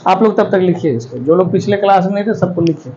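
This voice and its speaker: High-voiced man teaching a class. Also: animated, fast, dark tone, lo-fi sound, a little hiss or hum. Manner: explains step by step, checks students often. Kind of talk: classroom lecture. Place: classroom with students.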